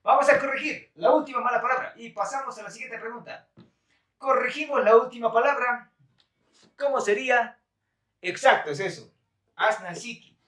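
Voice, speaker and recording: A man's voice: extremely high pitch, normal speed, fairly bright tone, reverberant, recorded from a distance. A man teaching a live-stream language lesson in a chatty, laughing way, reading viewer comments aloud. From Bolivia. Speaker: Quechua teacher.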